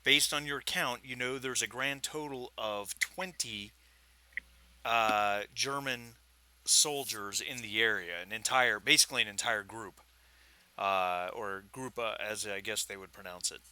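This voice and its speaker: A man running a tabletop game as game master, relaxed and unhurried, with many fillers. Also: fairly low pitch, clean tone, dry recording.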